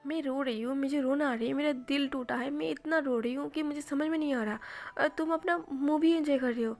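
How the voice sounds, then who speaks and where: A woman's voice: a little high, brisk, faint music behind, natural voice. A woman voicing a heartbroken young man who whines and complains through tears to his best friend. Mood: whiny, tearful. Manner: whiny, sobbing complaints.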